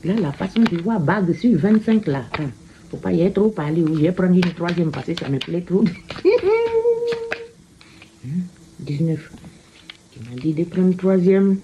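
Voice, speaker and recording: A woman giving a casual card reading, slow and repetitive, often tagging her phrases with a questioning "hein?". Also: lowish voice, lo-fi sound, a little hiss or hum. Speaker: card reader.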